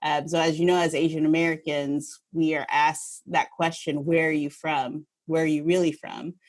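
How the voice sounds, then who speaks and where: A woman host from Northern Kentucky, chatty and quick to laugh, asking long, winding questions in a podcast interview. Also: low voice, flat delivery. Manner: warm, chatty, laughs easily, asks long rambling questions.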